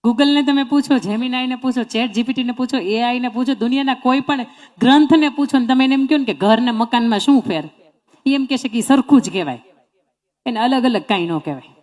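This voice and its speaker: Woman speaker, fairly high voice; folksy motivational storyteller who keeps asking the crowd questions. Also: brisk, a little mellow. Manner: storytelling, quizzes the audience with questions. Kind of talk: motivational speech to an audience.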